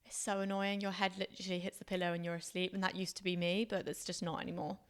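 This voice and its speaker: A woman's voice: lowish voice, level tone, fast talker, smooth. A woman co-hosting a podcast, talking casually and unscripted with chatty, teasing banter. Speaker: podcast co-host.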